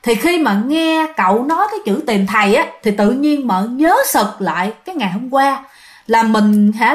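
Woman, Southern Vietnamese accent, ghost story narration, chatty, many fillers, slightly high voice.

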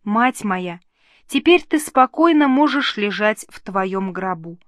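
A woman's voice: medium pitch, expressive, slow pace, dry recording, clean studio sound. A woman voicing an earnest, emotional young princess who speaks in fervent exclamations in an audiobook reading. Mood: overjoyed.

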